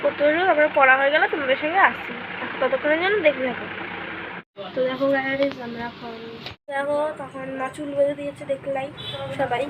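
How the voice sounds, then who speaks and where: A young woman with a hoarse voice and a stuffy nose from a cold, chatting casually to her vlog camera as she shows her meal and home. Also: high voice, steady tone, fairly quick, background noise. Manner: chatty, showing things to camera. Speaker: vlogger.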